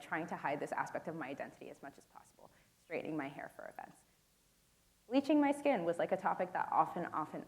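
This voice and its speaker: Over poor audio, a young adult woman with a low-pitched voice moderates a panel discussion in a conference room. She uses a handheld microphone and speaks casually, with lots of "like" and "um" fillers.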